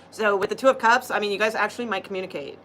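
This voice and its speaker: A tarot reader with a medium-pitched, fairly bright voice does a casual live reading, rambling and chatty, laughing often, using many fillers and losing her voice. The recording is rough with slight background noise.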